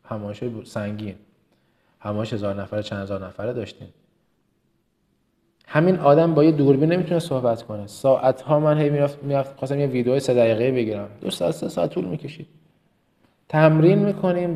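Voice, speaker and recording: A man from Kerman with a slight Kermani Persian accent, giving a motivational business lesson as a trainer. He speaks with emphasis, repeats words for stress and rattles off quick lists. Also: mid-range voice, vocal fry, warm tone. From Kerman, Iran.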